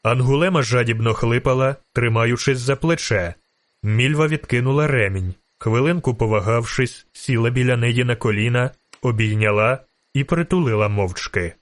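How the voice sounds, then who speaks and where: A man narrating a fantasy audiobook with steady, vivid storytelling. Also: mid-range voice, normal speed, no room sound.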